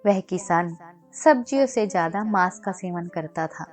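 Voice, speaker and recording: A woman storyteller giving scripted narration of a children's moral story in a steady, even-toned reading. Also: fairly low pitch, a little slow, faint music behind.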